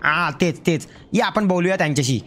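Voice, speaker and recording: High bright agri koli guy, loud rambling village talk, headset game roleplay. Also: expressive, a little fast. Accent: Agri Koli Marathi. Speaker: roleplay streamer playing a loud village character. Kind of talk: comedic GTA roleplay in character.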